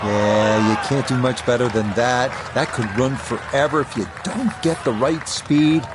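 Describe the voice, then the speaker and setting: A man giving measured, understated play-by-play as a golf commentator. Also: medium pitch, a crowd in the background, noisy background.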